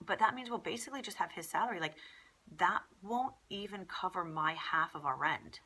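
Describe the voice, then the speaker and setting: A young southern English vlogger, congested with a cold, rambles through a casual pregnancy vlog, exasperated and full of fillers. Her fairly quick voice sits on the low side, pushed and bright with a slight roughness.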